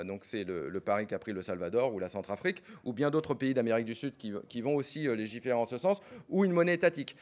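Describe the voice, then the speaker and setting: A middle-aged man giving a fast business pitch, full of fillers and repeated words. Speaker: startup executive pitching.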